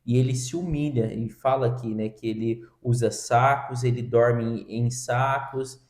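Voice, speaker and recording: A man's voice: mid-range voice, steady tone, a little slow, darkish tone. Chatty man, echoey room. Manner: conversational, many fillers like né and tipo assim. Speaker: co-host of a Bible reading podcast. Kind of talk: casual Bible commentary.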